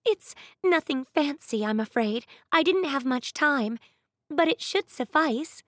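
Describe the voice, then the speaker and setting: A woman doing a meek, high young maid. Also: animated, a little slow, dry recording, studio quality. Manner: meek, polite, cautious. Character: timid, eager young female lady's maid.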